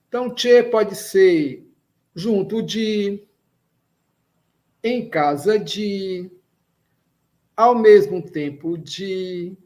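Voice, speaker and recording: A man with a Brazilian accent teaches a language lesson in a slow, deliberate way. His voice sits fairly high for a man. He goes back over his example sentences patiently. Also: a little mellow. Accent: Brazilian Portuguese. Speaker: Esperanto teacher. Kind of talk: slow classroom explanation.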